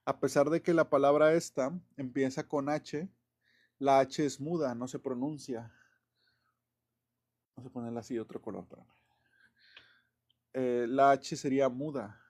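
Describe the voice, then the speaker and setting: A man's voice: medium pitch, fairly even intonation, normal speed, long pauses, a little mellow. A man explaining English grammar in a loose, chatty way, with many fillers, self-corrections and small chuckles. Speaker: English teacher. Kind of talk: casual classroom explanation.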